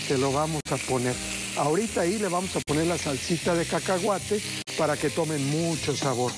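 On a TV studio kitchen set, a chatty, folksy middle-aged host talks viewers through a cooking demonstration while he cooks. His pitch is fairly high, and the recording is low-quality.

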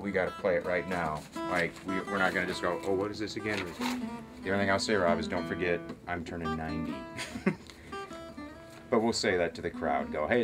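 A man in a living room talking through how he and a friend will present a song. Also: low-pitched. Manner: quick, planning aloud. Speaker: musician preparing a song. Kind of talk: casual chat.

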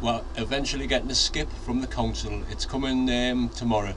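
This allotment vlogger, a forties-aged man from North East England with a Northeast English accent, talks a little fast in a steady, mid-range voice. He rambles casually with ums and restarts, first on a handheld camera mic outside in the allotment garden, later on a fixed camera in a shed. Traffic and sirens fill the outdoor background.

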